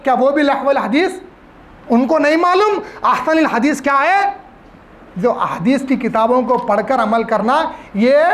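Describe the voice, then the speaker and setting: A man delivers a religious lecture in a very high, bright, forceful voice. He hammers his points home by repeating phrases and firing off rhetorical questions. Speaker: religious speaker.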